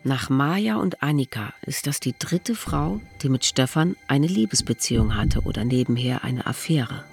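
Drama narrator, measured and matter-of-fact, mid-range voice, faint music underneath. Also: medium pitch, lively intonation, creaky. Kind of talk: scripted narration.

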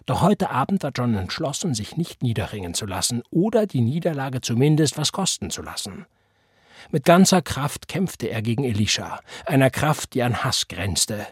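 A man reading a literary novel aloud as narrator, in a measured, even storytelling manner. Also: medium pitch, breathy edge, dry recording. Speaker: audiobook narrator. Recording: dry close studio recording.

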